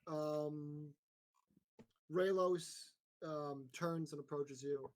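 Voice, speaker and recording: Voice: medium pitch, fairly even intonation, extremely slow. A game master narrating a tabletop game in a casual, rambling way full of fillers.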